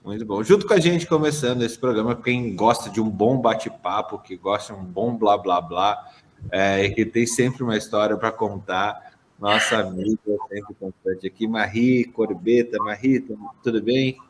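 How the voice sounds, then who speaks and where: With a lowish voice at a moderate pace, a podcast host keeps things casual, introducing his guests and trading jokes. He's lively and chatty, often laughing or starting a sentence over.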